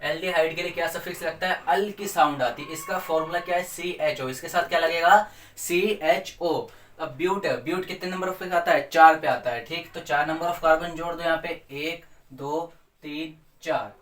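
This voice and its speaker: Echoey, playful Hindi chemistry teacher. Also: male voice, fairly high pitch, moderate pace, fairly bright tone. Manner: playful, asks and answers his own questions. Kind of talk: chemistry revision lesson. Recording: echoey room, mic at a distance.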